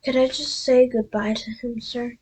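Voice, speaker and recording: A woman voicing a huge, soft-hearted male half-giant in a storybook reading, stammering and halting. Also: on the high side, fairly even intonation, husky. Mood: tearful.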